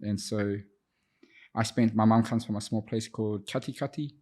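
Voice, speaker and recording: A man in his thirties from Auckland, New Zealand, who grew up speaking Te Reo Māori, appears as a podcast guest. An addiction counsellor with a New Zealand accent, he tells his personal story reflectively and with some hesitation, his voice on the low side, fairly even, moderately paced and darkish.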